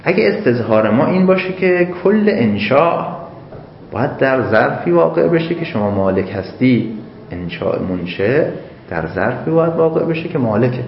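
Male seminary teacher, lively intonation, reasons step by step with examples; echoey lo-fi classroom recording. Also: mid-range voice, gravelly. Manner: animated, reasoning aloud with examples. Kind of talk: jurisprudence class lecture. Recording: echoey classroom, lo-fi, faint noise.

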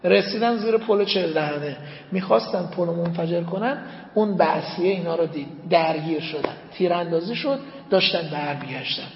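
A male religious speaker telling an emotional story as a sermon, in a dramatic, impassioned manner. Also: noisy background. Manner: dramatic, impassioned storytelling with sudden rises in pitch and volume. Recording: echoey hall, dull lo-fi sound.

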